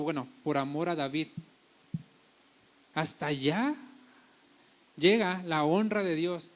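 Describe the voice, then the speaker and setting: A middle-aged male pastor delivers a sermon in a notably high voice. He retells scripture as lively paraphrased dialogue, often stopping to correct himself mid-phrase.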